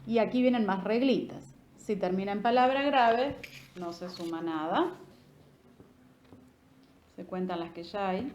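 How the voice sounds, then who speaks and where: A woman teaching a literature lesson. She explains patiently, checks in with "¿sí?" and taps out rhythm while reciting verse slowly. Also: medium pitch, darkish tone, lo-fi sound. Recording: echoey room with faint noise.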